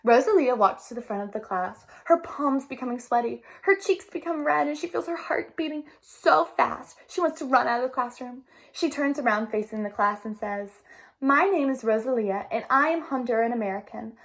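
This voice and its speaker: A woman teacher reading a children's story aloud expressively, pausing to ask listeners questions. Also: high-pitched, creaky, fairly bright tone.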